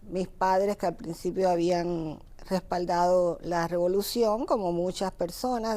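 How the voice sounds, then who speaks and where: A woman's voice: mid-range voice, mellow. Older Cuban woman recounting her childhood. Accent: Cuban Spanish. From Cuba. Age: 70s. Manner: unhurried, many fillers and restarts. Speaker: author and guest. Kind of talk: interview storytelling.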